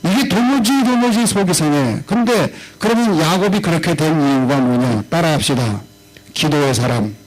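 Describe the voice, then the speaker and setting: A middle-aged man with a Chungcheong accent, preaching a revival sermon in a lively way, acting out quoted voices and swinging between raised and low tones. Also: normal speed, hardly any pauses, low-quality recording. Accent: Chungcheong Korean. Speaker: pastor. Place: church revival meeting hall.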